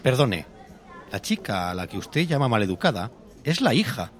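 A man's voice: medium pitch, very animated, normal speed, a faint crowd, voice pushed down, close to an everyday voice. A man reading an audiobook voices a blunt, easily flustered man who speaks in short, raised exclamations. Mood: firm then sheepish.

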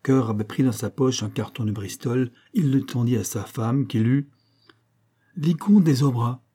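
A man reading a classic short story aloud in a measured, expressive way. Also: mid-range voice, breathy edge. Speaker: audiobook narrator. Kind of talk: literary audiobook reading.

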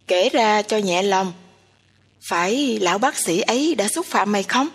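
A woman's voice: medium pitch, lively intonation, measured pace, slightly rough. A woman voicing a nosy, teasing young woman who talks in a bossy, chatty way. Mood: coaxing. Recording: long hall reverb.

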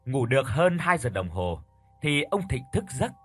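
A man narrating a story in an expressive, dramatic way. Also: mid-range voice, a little slow, breathy edge, faint music behind. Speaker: audiobook narrator.

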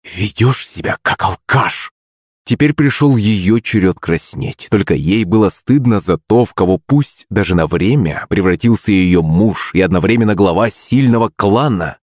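A man narrating an audiobook in an expressive, dramatic storytelling style. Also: on the low side, moderate pace, few pauses, no echo, studio quality.

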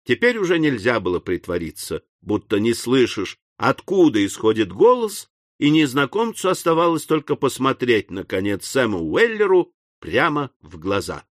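Lively male audiobook narrator. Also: medium pitch, moderate pace, no room sound, studio quality. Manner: lively, dramatic reading.

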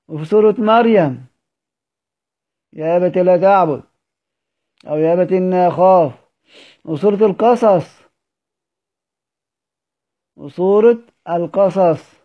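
A man with an Egyptian accent teaching a study circle, quizzing his students and answering his own questions. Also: sits high. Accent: Egyptian Arabic. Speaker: Quran recitation teacher. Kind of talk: recorded study-circle lesson. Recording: dull lo-fi audio recording.

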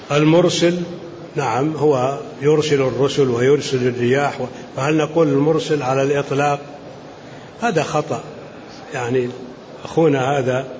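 An older man from Saudi Arabia, an Islamic scholar answering questions in a measured, explanatory lecture, reading each question aloud and then rebutting it. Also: mid-range voice, darkish tone. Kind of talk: religious Q&A lecture. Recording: muffled lo-fi lecture recording with faint hiss.

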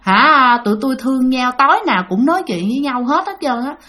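Một hồn ma cô gái trẻ ghen tuông, giọng éo éo the thé, cao vút, hỏi vặn đầy khinh miệt do một người phụ nữ giả giọng. Chất giọng miền Nam, nói như mắng thẳng vào mặt người khác. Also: female voice, lively intonation, fast talker, bright, forceful tone. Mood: possessive. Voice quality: shrill, odd squeaky voice. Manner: taunting, indignant questions. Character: jealous young female ghost, possessive and scornful.

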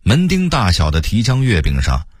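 A man in his sixties from Beijing with a Beijing accent, telling a story in a relaxed, chatty way for radio. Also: fairly low pitch, moderate pace, slightly rough, no room sound, studio quality.

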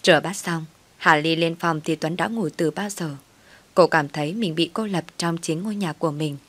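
A woman narrating a family story in a steady, plain way. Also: deep voice, normal speed.

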